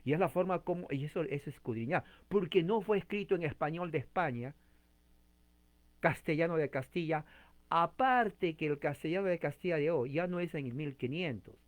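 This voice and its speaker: A man's voice: a little high, animated, normal speed. Chatty man teaching Bible study. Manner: chatty, asks listeners direct questions, frequent restarts.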